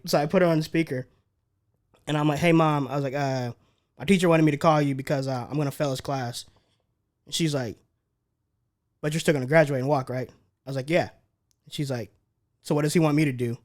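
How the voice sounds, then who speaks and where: Young man telling animated stories. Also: a little high. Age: young adult. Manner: animated storyteller, acts out quotes. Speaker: podcast co-host. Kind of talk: casual storytelling chat.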